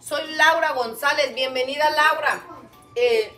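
A woman's voice: high voice, a little slow, bright, forceful tone, soft background music. A woman from Guatemala whose first language is Chuj, chatting casually on a home-kitchen livestream, reading out viewer comments and calling them "mamita". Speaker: cooking livestream host. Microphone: camera a little way off. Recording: echoey kitchen, distant mic.

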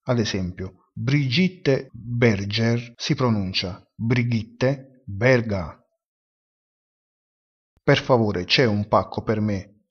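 A man teaching pronunciation in an unhurried, deliberate way, pausing to sound out each word. His voice sits low and a little husky. The recording is dull and lo-fi. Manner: spells out words slowly and deliberately. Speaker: language teacher. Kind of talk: slow explanatory lesson.

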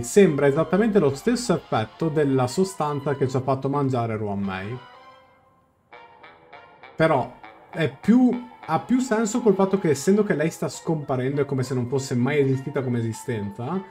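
A young adult game streamer with an expressive, dark-toned voice of medium pitch gives casual live commentary at normal speed. He thinks aloud while explaining and translating, with game music playing behind him.

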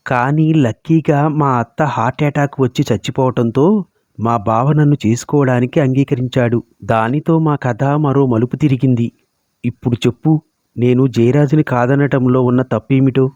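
Guy reading out a smug young woman, sarcastic and cool, mellow dry voice, dull lo-fi sound. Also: medium pitch, no echo, natural voice. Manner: cool, sarcastic, self-assured. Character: proud, scheming young woman. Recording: dull lo-fi recording.

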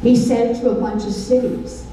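Standing at a lectern on a big, dark stage with a handheld mic, an older woman leads a Bible study, preaching emphatically and putting call-and-response questions to the audience. Her voice is on the high side and dark, with fairly even intonation and moderate pace. Captured from far off in an echoey hall, the audio has faint ambience and a little hiss or hum.

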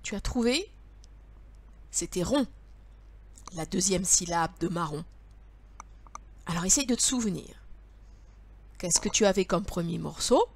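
Slow, patient woman teacher. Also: on the low side, expressive, a little hiss or hum. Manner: slow, patient, sing-song, speaking to a child. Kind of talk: children's riddle lesson.

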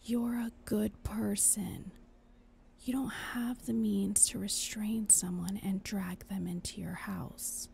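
A woman playing a gentle, principled female angel in a soft, breathy, earnest ASMR role-play. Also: medium pitch, fairly even intonation, takes it slowly, slight background noise. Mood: concerned, reproving. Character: gentle, principled female angel, reassuring yet exasperated conscience.

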